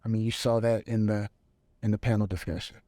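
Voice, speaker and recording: A man interviewing business owners in a relaxed, affirming way. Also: lowish voice, fairly quick, no room sound. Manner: easygoing, affirming, casual speech.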